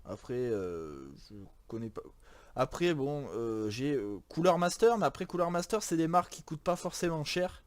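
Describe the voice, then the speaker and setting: A man's voice: fairly high pitch, expressive, moderate pace, dry recording. A man from France casually walking through a PC build, rambling with many fillers and self-corrections. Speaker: YouTuber presenting a PC build. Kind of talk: casual chat.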